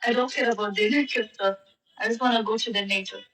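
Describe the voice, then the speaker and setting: Teasing woman with a bright, echoey voice. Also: on the high side, fairly even intonation, fast talker, distant mic. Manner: teasing, joking, playful. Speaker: language exchange chat partner. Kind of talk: casual chat on a live-stream app. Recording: echoey and off-mic.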